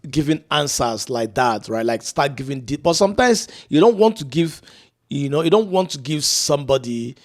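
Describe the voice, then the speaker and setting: A middle-aged man from Africa hosts a podcast, leading a casual discussion in a reflective way and often tacking on "right?" and "you know." His voice sits in the mid range, animated and at a normal speed, and he laughs as he tells stories.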